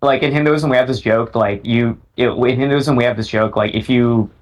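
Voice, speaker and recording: A young man answering as a guest on a casual podcast, relaxed and talkative, full of fillers and restarts. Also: mid-range voice, normal speed, dull audio. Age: young adult. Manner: relaxed and talkative, lots of fillers and self-interruption.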